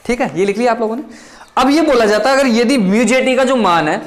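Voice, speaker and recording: A man teaching chemistry, dictating notes line by line and repeating key phrases, quick between the dictation. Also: very high-pitched. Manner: talks fast between dictation. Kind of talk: blackboard lecture.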